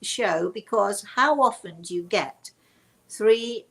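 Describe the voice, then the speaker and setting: This British host, an older woman, wanders between anecdotes while chatting informally with people watching online. She speaks slowly with lively intonation and some vocal fry, and her voice is mid-range and a bit bright.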